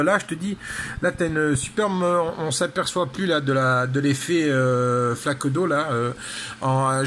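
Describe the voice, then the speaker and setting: With a mid-range, fairly bright voice, a man chats about amateur radio in a casual, technical manner. His hesitant, rambling talk is full of repeated tag words, and clear background noise is audible.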